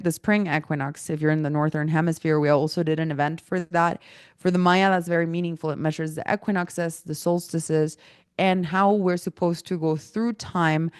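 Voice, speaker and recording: Chatty woman, low-pitched voice. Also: clear, resonant tone, no echo, studio quality. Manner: casual, chatty, with many fillers. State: irritated throat, coughing. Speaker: workshop teacher. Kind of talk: online presentation talk.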